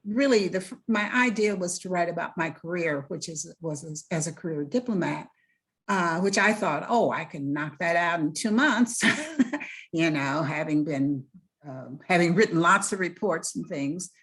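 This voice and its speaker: A woman's voice: fairly low pitch, moderate pace, fairly bright tone. An older woman, a retired diplomat turned author, speaking on a panel in a rambling, self-correcting way. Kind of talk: panel discussion.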